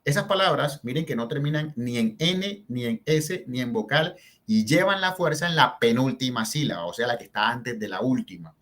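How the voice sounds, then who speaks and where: Man teaching with slow stressed examples. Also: mid-range voice, lively intonation, fairly bright tone. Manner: explains step by step, asks "¿verdad?" and "¿sí?" to check in; slows down and stresses example words. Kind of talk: spelling and grammar lesson.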